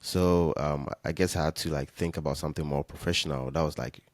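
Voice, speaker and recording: A young man from Ghana, a guest on an interview podcast, telling his story in a relaxed, rambling way with many fillers and restarts. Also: very deep voice, fairly quick, no room sound. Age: young adult. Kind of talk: casual interview chat.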